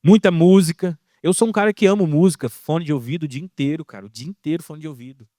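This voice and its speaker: Animated Brazilian preacher man. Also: on the high side, quick pace, no room sound, clean studio sound. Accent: Brazilian Portuguese. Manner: colloquial, animated, slang-filled. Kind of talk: casual sermon.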